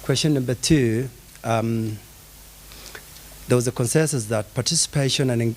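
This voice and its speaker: A man's voice: on the low side, a little mellow, a little hiss or hum. A man presenting his group's conclusions at a conference, earnest and searching for words.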